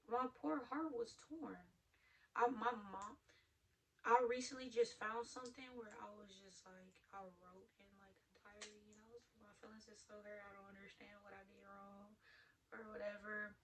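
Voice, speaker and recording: A young woman telling a storytime vlog candidly, jumping from loud outbursts to hushed asides. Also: on the high side.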